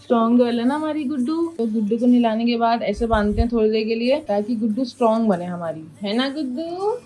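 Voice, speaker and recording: A woman's voice: a little high, dark tone, a little hiss or hum, poor audio. A woman talking to camera in a casual family vlog, emotional and anxious, with lots of fillers. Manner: emotional, anxious, talks fast with many fillers. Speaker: vlogger and mother.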